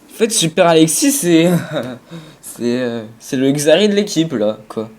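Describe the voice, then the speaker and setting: A gamer thinking aloud in casual, slangy commentary over gameplay, halting and often correcting themselves. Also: medium pitch, sing-song, a little mellow. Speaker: gaming video creator.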